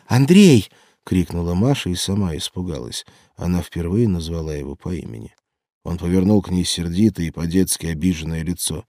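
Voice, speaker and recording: Man reading a novel aloud, low dark voice, dry close studio sound. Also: dry recording. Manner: measured storytelling reading. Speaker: audiobook narrator. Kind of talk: scripted narration.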